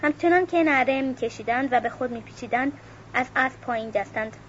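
A woman narrating an audiobook in a steady, measured reading with a few self-corrections. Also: high voice. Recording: muffled with faint hiss.

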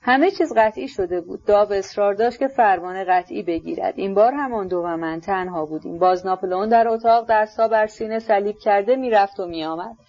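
A woman's voice: medium pitch, few pauses, a little mellow, lightly acted. A woman reading as a boastful old general. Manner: grandiose, swept up in his own storytelling. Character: old boastful general lost in his memories. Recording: dull lo-fi recording.

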